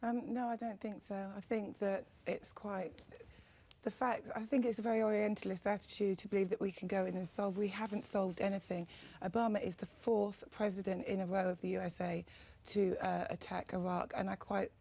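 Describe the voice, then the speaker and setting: Female panel guest, rough-edged mid-range voice, halting, emphatic objections. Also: mid-range voice, level tone, mellow. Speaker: debate guest. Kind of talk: televised political debate.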